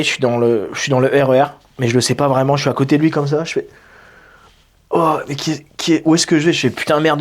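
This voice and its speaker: A man with a mid-range voice tells a story in unhurried casual chat. He speaks loosely and fills his sentences with hesitations. He works as a bartender. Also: medium pitch. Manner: relaxed storytelling with many fillers. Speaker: bartender guest.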